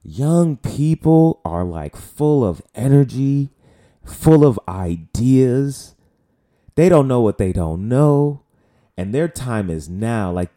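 A man in his late twenties from the Bronx, New York, chats casually on his solo podcast in a fairly low, mellow voice. He has a New York accent and a loose, profane way of talking, rambling and full of fillers.

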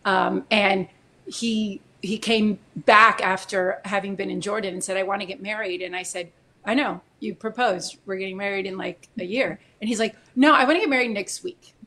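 As a guest in an interview, a Florida woman married into the military recounts her own story with animation and emotion, full of filler words. She has a medium-pitched voice and a moderate pace.

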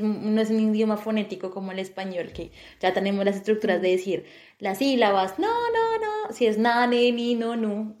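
A woman co-hosting a podcast, telling anecdotes in an animated way, laughing and acting out sounds. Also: mid-range voice, roomy sound. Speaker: podcast co-host. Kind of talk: casual chat.

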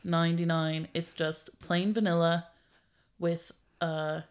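A woman with a lowish voice co-hosts a comedy podcast. She chats in a relaxed, playful way and keeps slipping into silly asides and giggles. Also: slow. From Ireland. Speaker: podcast co-host. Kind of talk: casual comedic chat.

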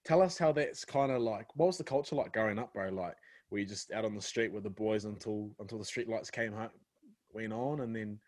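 Upbeat New podcast host. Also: male voice, on the low side, a little fast, darkish tone. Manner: upbeat, slangy, hypes up his guest. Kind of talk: casual chat.

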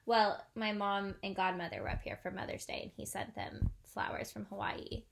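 A woman's voice: mid-range voice, fairly even intonation, moderate pace, creaky, noisy background. A young woman co-hosting a casual chat at home, telling a rambling story and laughing often. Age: young adult. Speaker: co-host. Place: at home, indoors.

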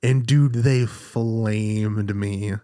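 A man hosting a casual podcast chat, telling stories in an easygoing, lively way. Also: lowish voice, drawn-out words, no room sound, studio quality. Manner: storytelling, animated when recounting. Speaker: podcast host.

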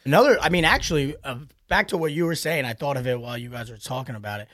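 A man co-hosting a podcast, telling stories in animated casual chat. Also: medium pitch, rapid-fire, dry recording, studio quality. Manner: animated storyteller, laughs often. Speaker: podcast co-host.

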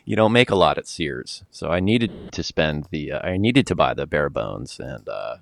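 A man's voice: extremely low pitch, lively intonation, moderate pace, vocal fry, slight background noise. A man co-hosting a podcast, easygoing in casual chat and laughing often. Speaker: podcast co-host.

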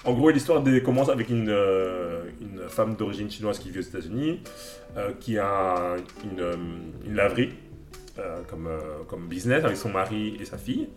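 A man's voice: fairly low pitch, moderate pace, roomy sound, faint music behind. A man co-hosting a casual chat, recommending songs and films with enthusiasm, rambling through lots of fillers and restarts. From Belgium. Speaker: podcast co-host.

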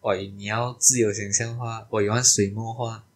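A man's voice: lowish voice, level tone, moderate pace. A young man with a Malaysian Chinese accent chatting casually in colloquial English, switching into Mandarin and ending phrases with particles. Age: young adult. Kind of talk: casual chat.

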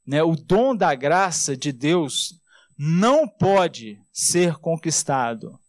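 A Brazilian man preaching a sermon as a pastor, in a conversational style full of rhetorical tag questions, slowing down and dropping low on key words. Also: big pitch swings, dry recording. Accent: Brazilian Portuguese. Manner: slows and drops low on key words, then rises fast.

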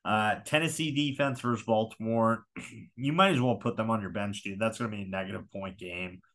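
A man's voice: fairly low pitch, a little fast, fairly bright tone. A man hosting a solo podcast in casual chat, talking in a rambling, profane, frank way. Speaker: fantasy football podcast host.

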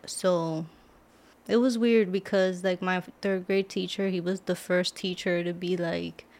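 Young woman from brooklyn, kinda low voice, chatting easy on a studio podcast. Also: fairly even intonation, unhurried, a little mellow. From Brooklyn, New York. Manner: casual, many "like" fillers. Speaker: guest, author and medical assistant. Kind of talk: casual interview.

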